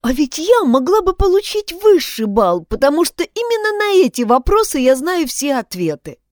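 A woman's voice: high-pitched, sing-song, moderate pace, darkish tone, dry recording, studio quality, pitched above the performer's own voice. A woman reading aloud, voicing a flustered, guilty schoolgirl who blurts out excuses, in a storybook reading. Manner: anxious, pleading.

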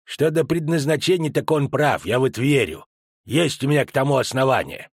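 A man voicing a gruff, thoughtful male dwarf leader who speaks in a measured way in an audiobook. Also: mid-range voice, lively intonation, dry recording, studio quality.

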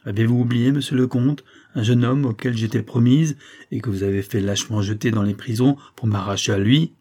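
A man's voice: mid-range voice, fairly quick, mellow, natural voice. A man doing a grieving, desperate young countess. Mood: bitter, pleading. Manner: trembling, bitter pleading.

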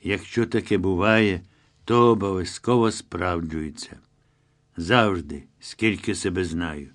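A man's voice: low-pitched, slow pace. Yana, a man voicing an anxious pleading young woman. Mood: tender. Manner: pleading, emotional.

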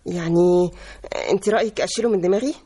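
An actress playing a gentle, reflective young woman friend with an Egyptian accent in a radio drama. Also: lowish voice, quick pace, husky. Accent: Egyptian Arabic. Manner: soothing, reflective.

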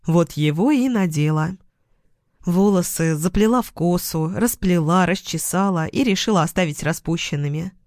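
A woman reading a first-person novel aloud at an unhurried pace, gently expressive. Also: fairly low pitch, no echo, studio quality. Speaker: audiobook narrator.

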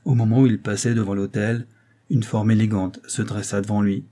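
Guy reading an old novel out loud, deep mellow voice, slow and steady. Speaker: audiobook reader. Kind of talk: literary audiobook narration.

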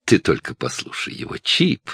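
A man voicing a big, loud, mocking man who taunts others in an audiobook. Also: normal speed, no echo, lightly acted. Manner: jeering, raised voice.

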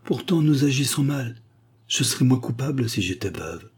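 A man voicing an anxious, guilt-torn woman in an audiobook, his voice raised in pitch and trembling with pleading. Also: lively intonation, normal speed, a little mellow, husky.

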